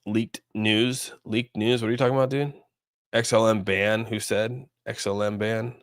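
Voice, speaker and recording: A man on the low side speaks at normal speed with a flat delivery, hosting a relaxed livestream about crypto markets where he rambles and engages with viewers. The recording is dry and studio clean.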